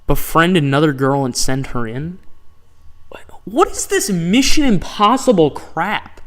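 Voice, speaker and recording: Reading the dating game's options aloud on his live stream, he responds with sarcastic disbelief, his voice pitched high.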